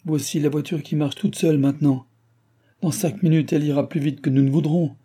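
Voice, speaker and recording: A man's voice: fairly high pitch, fairly even intonation, fairly quick, warm tone, husky, pitched above the performer's own voice. A man doing a panicky country coachman. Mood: panicked. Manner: pleading, panicked. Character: frightened rustic male coachman.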